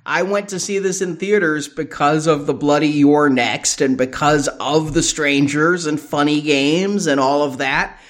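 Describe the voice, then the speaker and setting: A man's voice: fairly high pitch, steady tone, a little slow, hardly any pauses. A man co-hosting a podcast, presenting and discussing films conversationally. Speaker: podcast co-host. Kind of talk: film review presentation and chat.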